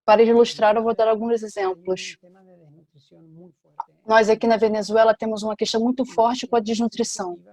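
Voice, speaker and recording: A woman giving a simultaneous interpretation at a panel, with a steady, measured delivery. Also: fairly high pitch.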